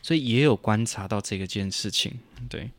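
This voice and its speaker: A man tells stories at a brisk clip, chatty and animated. His voice sits a little low. It is recorded close and dry, with no room sound. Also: dry recording. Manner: animated, laughing storyteller. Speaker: podcast co-host. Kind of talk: casual chat, storytelling.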